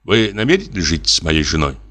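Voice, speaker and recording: A man's voice: low voice, big pitch swings, a little fast, pushed and bright, exaggerated voice. A man voicing a wronged middle-aged husband, a notary who speaks in a formal, wounded, pompous way. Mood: stiff formal. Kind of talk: audiobook character reading.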